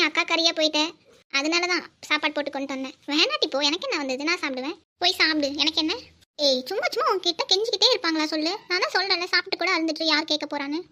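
A woman's voice: very high voice, bright, forceful tone. A woman voicing a bossy, quarrelsome young woman who scolds and bickers in a cartoon. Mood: bickering. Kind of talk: cartoon voice acting.

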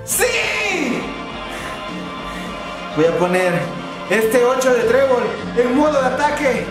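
Man acting a young Mexican duelist shouting card moves. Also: very high-pitched, big pitch swings, slow pace, heavily acted. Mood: triumphant. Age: young adult. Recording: echoey room, loud music behind.

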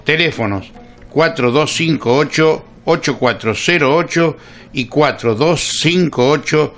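A man reading a commercial voice-over in a steady, persuasive way. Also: fairly high pitch, unhurried. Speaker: advertising announcer.

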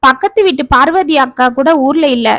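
A woman voicing a stubborn young mother, high-voiced. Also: brisk, a bit bright, no echo. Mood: anxious. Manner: defiant, anxious.

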